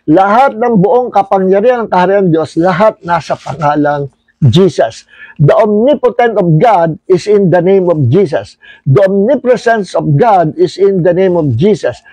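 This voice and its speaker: A man's voice: high voice, dark tone, no echo, rough recording. A man with a Filipino accent, a pastor teaching an online Bible study, telling stories as he goes and tagging his points with a questioning "no?". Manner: storytelling, mixes Tagalog and English, frequent "no?" tag.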